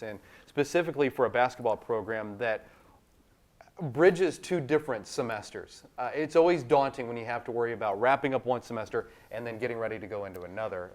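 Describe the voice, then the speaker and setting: A man hosting a college basketball coach's radio show, interviewing the coach and reading promotions with upbeat emphasis. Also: mid-range voice. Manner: upbeat, emphatic when plugging tickets. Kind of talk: sports radio host, promotional reads.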